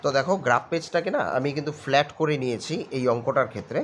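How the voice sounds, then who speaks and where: পশ্চিমবঙ্গের বাংলা টানে একজন পুরুষ গণিত শিক্ষক ধৈর্য ধরে ধাপে ধাপে অঙ্ক বোঝাচ্ছেন আর বারবার জিজ্ঞেস করছেন ছাত্ররা বুঝল কিনা।. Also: male voice, mid-range voice, rapid-fire, slight background noise. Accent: West Bengal Bengali. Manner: patient, keeps checking understanding with "got it?". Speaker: maths tutor. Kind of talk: step-by-step maths lesson.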